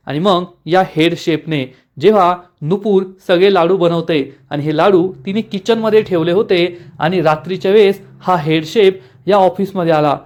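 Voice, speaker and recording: High-voiced man dramatically recapping a serial. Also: a little mellow. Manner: dramatic retelling, voices quoted lines with raised emphasis. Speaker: episode recap narrator. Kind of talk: serial episode recap storytelling.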